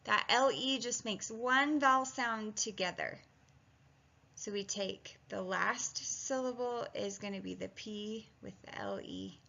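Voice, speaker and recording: A woman's voice: mid-range voice, very animated, a little slow, vocal fry, sharp tone. A woman teaching a phonics lesson on video, chatty and encouraging, thinking aloud and sounding out words syllable by syllable. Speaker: reading and spelling teacher. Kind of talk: video phonics lesson, talking students through steps. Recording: dull lo-fi sound.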